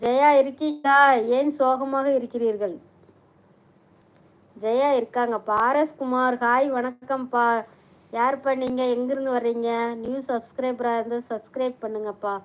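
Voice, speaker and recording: A middle-aged woman hosting a casual live stream, chatting warmly with viewers, reading out their comments and mixing in English words. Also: sits high, steady tone, normal speed, low-quality recording.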